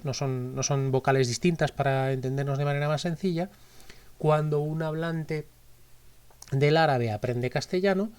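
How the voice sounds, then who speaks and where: A man with a Spanish accent from Spain gives a recorded lecture, explaining patiently as he goes. He often restarts phrases and corrects himself along the way. His voice sits a little high for a man. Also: darkish tone. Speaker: teacher.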